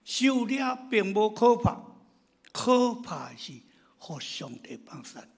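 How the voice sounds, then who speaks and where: A man preaching a sermon as pastor, telling stories in an animated way and swinging between loud exclamations and hushed asides. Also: sits high, takes it slowly. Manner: animated storytelling, acting out his congregants' complaints.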